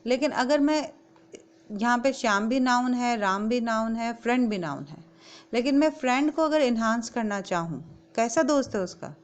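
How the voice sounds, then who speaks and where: A woman's voice: fairly high pitch, expressive, moderate pace. Woman, Indian accent, English teacher, grammar lesson, English then Hindi explanations.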